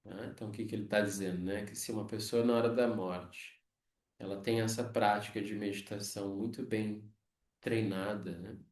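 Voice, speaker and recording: A Brazilian man teaching a yoga philosophy class, explaining slowly and checking in with frequent tag questions. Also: on the low side, steady tone, darkish tone. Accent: Brazilian Portuguese. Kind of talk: lecture on scripture. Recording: echoey room, mic far off.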